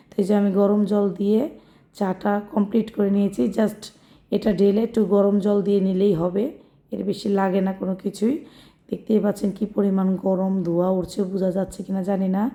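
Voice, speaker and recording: A young woman with a hoarse, very dark, mellow voice narrates a home cooking vlog. She talks in a homely, chatty way and keeps her pitch flat and even as she walks through each step. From Bangladesh. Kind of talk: casual voice-over narration of a daily vlog.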